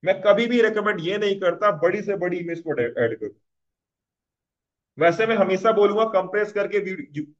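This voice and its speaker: Guy with a high voice teaching coding, keeps asking if it's clear, muffled lo-fi audio. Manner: conversational, repeats "clear?" to check understanding. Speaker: web development instructor. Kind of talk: casual coding tutorial.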